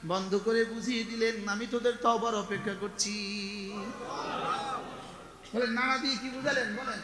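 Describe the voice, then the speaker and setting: With an extremely high pitch, a steady tone and a moderate pace, a male preacher chants Arabic verses during an Islamic sermon and exchanges call-and-response questions with the congregation. The hall is echoey, with long reverb.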